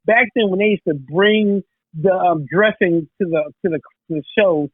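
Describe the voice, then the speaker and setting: A woman's voice: fairly low pitch, normal speed, husky, dry recording. A woman hosting an interview in a casual chat, giving compliments and asking long, rambling questions. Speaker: interview host. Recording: dry phone-like line.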